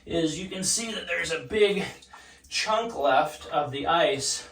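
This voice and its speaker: Speaking slowly from a tub of ice cold water, a home vlogger casually teaches the camera about ice baths in a somewhat high, fairly bright, gravelly voice with lively intonation. A distant mic catches him off-mic, with echo and water noise filling the bathroom.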